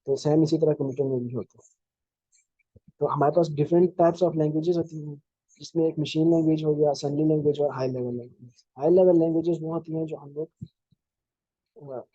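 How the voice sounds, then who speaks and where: Guy teaching coding on a call, flat, mellow voice, pretty dull lo-fi sound, dry. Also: on the high side, no room sound. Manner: unhurried explaining with many fillers and restarts. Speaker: programming instructor. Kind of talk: live online lecture.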